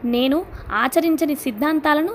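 A woman's voice: high voice, normal speed, a little hiss or hum, close to an everyday voice. A woman reading the part of a defiant man who scornfully harangues a crowd, in an audiobook. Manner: accusing, mocking, relentless.

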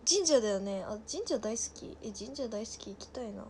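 A woman in her twenties with a Nagasaki dialect, chatting casually on a livestream and reading viewers' comments aloud, often trailing off into soft mutters. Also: fairly high pitch, animated, normal speed, a little hiss or hum. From Nagasaki, Japan. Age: 20s. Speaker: livestream host.

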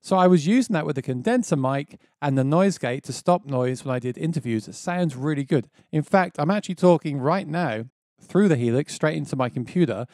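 A man in his thirties hosts a casual music gear tutorial, walking through each step with enthusiasm; his delivery is animated and fairly quick with a darkish tone, and he describes his own voice as quite low. He speaks close to a boom-mounted dynamic mic in a small home studio, and the recording is dry.

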